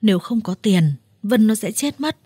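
A woman's voice: mid-range voice, normal speed, mellow, breathy edge, no echo, studio quality, close to an everyday voice. A woman voicing a broken seventy-year-old man who pleads in a weak, trembling voice. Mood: pleading.

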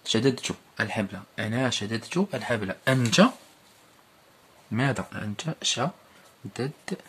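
A man with a Moroccan accent teaching a primary school Arabic lesson, explaining and repeating each word form slowly. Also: mid-range voice, a bit bright, a little hiss or hum.

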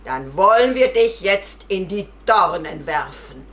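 A woman voicing a stern bear who passes judgment, in a firm, deliberate way. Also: lowish voice, expressive, fairly bright tone, slight background noise. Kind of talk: storytelling for children.

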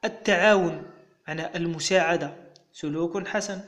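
A man's voice: a little high, normal speed, a bit bright. A man with a Moroccan Arabic accent, a teacher patiently walking young pupils through exam answers step by step.

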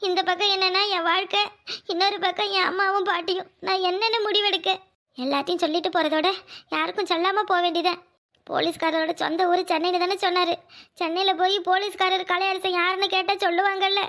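A woman's voice: extremely high pitch, fairly even intonation, fast, pushed and bright, full character voice. Woman voicing a torn young village woman. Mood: anxious. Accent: southern Tamil Nadu dialect. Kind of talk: cartoon voice acting.

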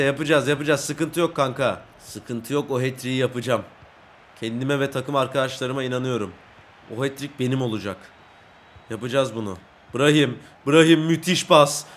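An excitable man talks his way through a football video game with a fairly high voice. He swings between shouting at teammates and calm muttering, with a faint hiss of noise under his voice. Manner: excitable, shouting at teammates, singsong gloating after goals. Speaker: gaming YouTuber. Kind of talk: live football game commentary.

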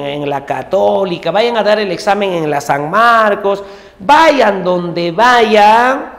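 A male teacher giving an exam-prep lesson, repeating each rule over and over and checking in with quick tag questions. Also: high voice. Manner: repetitive drilling with constant tag questions. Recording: long reverb room echo.

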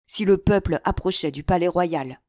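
A woman's voice: fairly low pitch, normal speed, a little mellow, no room sound, clean studio sound, natural voice. A woman voicing an anxious, scheming old cardinal in an audiobook, fretful and pleading. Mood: alarmed.

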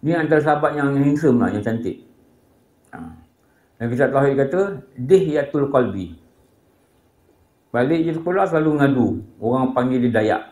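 Jokey Malaysian ustaz in an echoey hall. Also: male voice, mid-range voice, lively intonation, normal speed, long pauses, a little mellow. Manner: humorous storytelling, acts out voices of people in his stories. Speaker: religious teacher. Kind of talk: casual religious lecture with anecdotes. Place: prayer hall.

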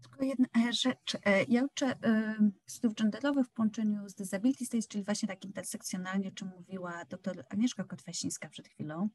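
A woman's voice: mid-range voice, steady tone, a little fast, darkish tone, no room sound. A woman academic on a panel discussion, reflective and hesitant, with frequent fillers as she thinks aloud.

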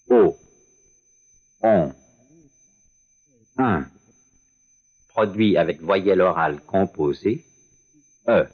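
A man with a low voice reads out sounds and words one at a time, very slowly, as a pronunciation drill. He enunciates each one carefully, and his pitch moves up and down a lot. The recording is dull and lo-fi, like an old course tape. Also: slightly rough. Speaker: language course narrator. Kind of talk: slow, deliberate pronunciation drill.

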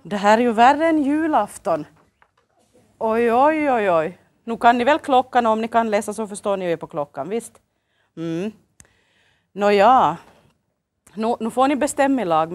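In a local TV studio, a woman with a Finland Swedish accent and a mid-range, darkish voice hosts a kids' show. She encourages the children with cheerful questions in a sing-song manner.

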